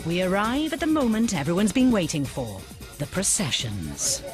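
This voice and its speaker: A woman's voice: lowish voice, huge pitch swings, moderate pace, a faint crowd. A woman reading scripted documentary narration in a wry, playful way. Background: background music.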